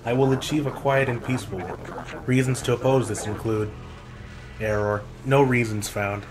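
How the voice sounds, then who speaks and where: A man doing a cold glitching robot overlord. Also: medium pitch. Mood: cold, flat. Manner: flat, measured, reading game lines aloud. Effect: none; glitching robot voice done by mouth, repeating error messages. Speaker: let's play co-host. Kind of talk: reading a villain's lines over gameplay. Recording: noisy gameplay recording.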